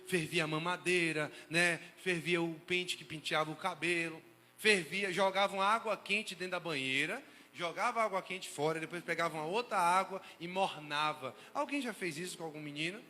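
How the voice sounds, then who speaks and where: Brazilian guy preaching, high and bright, jokey and loud then quiet, echoey church. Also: moderate pace. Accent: Brazilian Portuguese. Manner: animated, joking preacher with rising shouts and sudden hushed asides. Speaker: pastor. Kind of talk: sermon.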